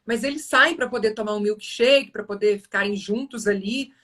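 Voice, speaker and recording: A woman's voice: mid-range voice, fairly bright tone, recorded from a distance. A woman, hosting a live series, earnestly retelling a film scene with frequent restarts. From Brazil. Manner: earnest, halting storytelling with restarts.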